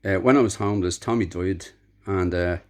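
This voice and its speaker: A man's voice: deep voice, brisk, a little mellow. A man in his seventies with a Dublin accent, telling a true story in a plain, conversational, reflective way. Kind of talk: spoken true-life storytelling.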